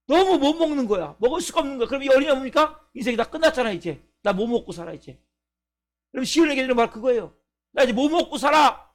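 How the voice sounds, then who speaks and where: A male pastor preaching at a church service, emphatic, asking the congregation questions and answering them himself. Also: sits high. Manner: acts out a crying baby's complaints. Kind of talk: sermon.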